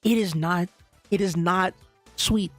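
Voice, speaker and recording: A young man from Bermuda streaming, ranting in an animated, casual way with lots of laughter. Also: high-pitched, slow, no room sound, soft background music. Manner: animated ranting, laughs often, says "dude" a lot. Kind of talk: casual livestream chat.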